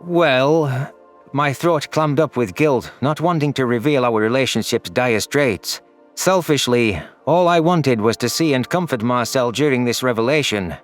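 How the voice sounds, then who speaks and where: With a medium-pitched voice and a slightly slow pace, a man narrates a sci-fi audio story in the first person as a tormented, guilt-ridden alien. Soft music plays in the background.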